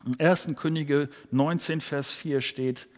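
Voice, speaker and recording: A man's voice: fairly high pitch, fairly even intonation, measured pace. A man preaching a sermon, earnest, speaking directly to his listeners. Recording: long hall reverb.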